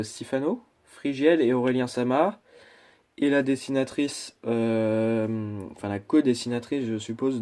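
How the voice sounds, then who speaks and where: Chatty man with a mellow voice. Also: medium pitch. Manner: chatty, hesitant, full of restarts and asides. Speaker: YouTuber. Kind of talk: casual unboxing chat.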